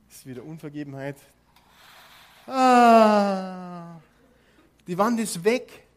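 A man with a Bavarian accent preaching a sermon, asking his listeners direct questions and walking them through a live demonstration. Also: sits high. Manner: lively, addresses listeners directly with rhetorical questions.

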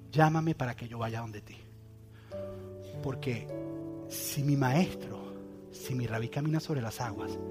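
A man preaching a sermon, dramatic, going from loud emphatic lines to hushed near-whispers. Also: medium pitch.

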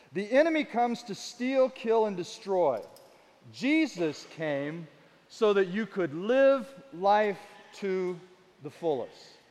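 A man's voice: high voice, long reverb tail. A man in his fifties, a pastor preaching a sermon in a folksy, storytelling way with casual asides.

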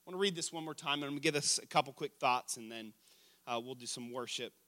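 A man preaching a sermon, animated and asking the congregation questions as he tells a family story. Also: mid-range voice, quick pace. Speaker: pastor.

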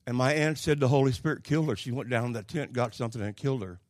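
An older man with an Oklahoma accent delivering a folksy sermon with personal stories, halting and plainspoken, moving between hushed asides and loud, emphatic lines. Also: mid-range voice, no echo. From Oklahoma, United States. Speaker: Pentecostal preacher.

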